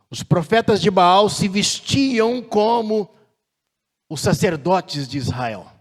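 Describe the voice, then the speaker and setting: A man preaching a sermon as pastor, measured and deliberate, slowing down and swelling in force on key phrases. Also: high-pitched, long reverb tail.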